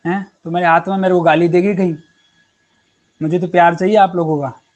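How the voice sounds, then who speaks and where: Male teacher with a high voice, talks casually and warmly coaxes students through a live class. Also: steady tone, fairly quick, lo-fi sound. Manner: chatty and encouraging, calls students beta and yaar. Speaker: online chemistry teacher.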